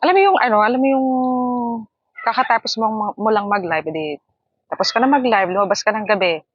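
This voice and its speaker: A woman vlogging outdoors in casual chat, chatty and laughing with sudden high squeals. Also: expressive, fairly quick, breathy edge, dry recording, muffled recording. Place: outdoors by a hammock. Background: wind.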